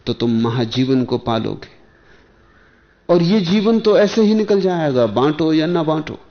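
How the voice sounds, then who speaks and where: A man, a spiritual teacher, giving a discourse in measured short phrases with pauses and rhetorical questions. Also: fairly high pitch. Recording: dull lo-fi archival lecture tape.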